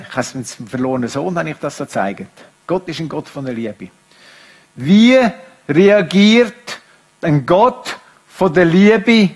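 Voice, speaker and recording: A middle-aged man preaching a sermon, moving between quiet, reflective passages and raised, emphatic speech. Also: a little high, slightly rough.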